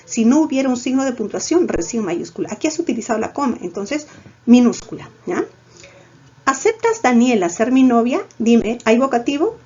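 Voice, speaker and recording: Peruvian woman teacher, lively and coaxing, breathy tone, muffled recording. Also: fairly high pitch, brisk. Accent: Peruvian Spanish. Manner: lively, coaxing, peppers lines with "¿ya?". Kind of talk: recorded grammar lesson.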